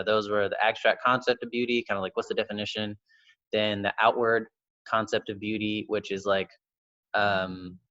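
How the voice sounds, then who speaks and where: Low-voiced man hosting a video call workshop. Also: a bit bright. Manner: hesitant, many fillers and restarts. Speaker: workshop host. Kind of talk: casual online discussion. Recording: dull lo-fi video call audio.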